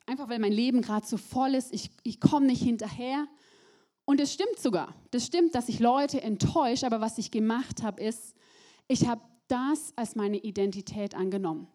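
A woman's voice: a little high, normal speed. A young woman preaching a sermon, talking straight to her listeners and dropping to a whisper for emphasis. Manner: animated, addresses the audience directly, drops to whispers for emphasis.

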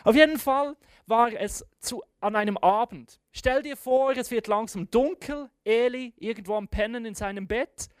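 Lively casual storytelling preacher. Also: mid-range voice, normal speed, smooth, no room sound, studio quality. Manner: casual, slangy, dramatic retelling.

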